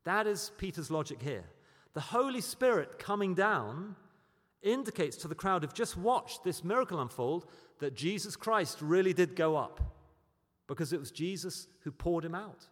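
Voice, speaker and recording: A British man preaching a sermon, building to loud, emphatic peaks on key points. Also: high-pitched, expressive, moderate pace, big-room sound. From Britain.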